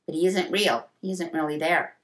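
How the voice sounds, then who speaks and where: A woman voicing a quiet, shy fifth-grade boy in a storybook read-aloud. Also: low voice, moderate pace. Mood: earnest. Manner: soft, quiet.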